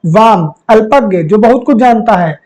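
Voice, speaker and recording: A man's voice: sits high, lively intonation, moderate pace, darkish tone, rough recording. A man teaching a Hindi spelling and vocabulary lesson for an exam, repeating each word and asking the viewer questions. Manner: repeats words and quizzes the viewer; calls viewers friends. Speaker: exam tutor.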